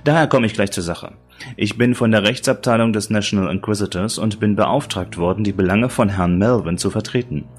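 A man's voice: fairly low pitch, fairly quick, slightly rough, faint music behind. A man voicing a slick male corporate lawyer who speaks coolly and businesslike. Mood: curt. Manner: cool, businesslike.

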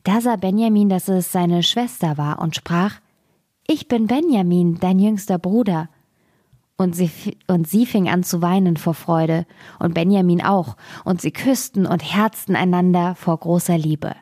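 A woman reads a fairy tale aloud in a calm, unhurried storytelling voice. Her tone is low-pitched, warm and mellow. The recording is close and dry, with no room sound. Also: no echo. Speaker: fairy-tale reader on a radio podcast.

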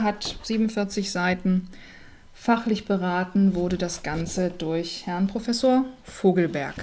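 A middle-aged woman talks through a children's book in an easy, informal review. She chats straight to the listener and gets animated whenever she reads the characters' lines aloud. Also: mid-range voice. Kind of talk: casual spoken book review.

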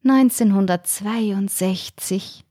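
Woman doing a chirpy old ballerina lady, high and fluttery, dry close sound. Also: slow, dark tone, dry recording. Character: cheerful elderly former ballerina woman.

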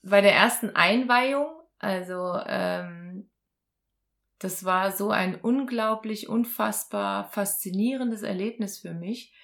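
A woman as an interview guest, telling a personal story in conversation with lively acted-out dialogue. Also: mid-range voice, slow pace, gravelly. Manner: animated, acts out quoted dialogue.

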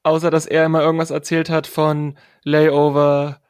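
A young man telling a story in a relaxed, chatty way with youthful slang. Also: fairly high pitch, moderate pace, no room sound, clean studio sound. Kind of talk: casual storytelling chat.

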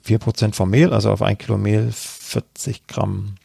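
Gravelly low-voiced man explaining baking. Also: fairly even intonation, moderate pace, mellow, dry recording, studio quality. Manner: explanatory, thinks aloud with many fillers. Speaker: bread baking expert. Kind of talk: podcast interview answering questions.

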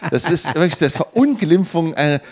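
A man debating music with a friend on a podcast, fervent and exasperated. His voice is a touch high and swings widely in pitch as he pushes his point. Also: expressive, moderate pace. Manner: passionate, exasperated, sings bits of songs. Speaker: podcast co-host. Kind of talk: heated casual debate about music.

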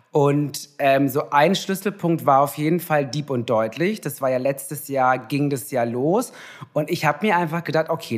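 Pausing often and using plenty of fillers, a young man who presents on TV talks in a relaxed, reflective way as an interview guest. His voice is mid-range.

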